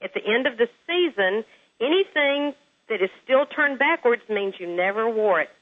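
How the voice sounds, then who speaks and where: A woman's voice: fairly high pitch, animated, moderate pace. A woman, a home stager chatting as a guest and laughing often. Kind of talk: casual interview on a phone line. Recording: tinny phone line.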